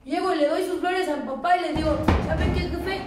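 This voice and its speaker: A woman's voice: extremely high pitch, normal speed, soft background music. A woman in her thirties with a Mexican accent, giving a blunt, preachy testimony full of swearing at a recovery group meeting. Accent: Mexican Spanish. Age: 30s. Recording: echoey room, voice far from mic, noisy.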